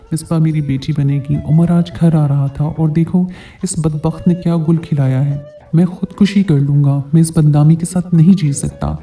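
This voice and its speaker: A man's voice: a little high, steady tone, moderate pace, mellow, close to an everyday voice. A man voicing a devout older father who laments in a heavy tone. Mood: despairing. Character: devout older father, proud then shattered. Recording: distant mic, faint background music.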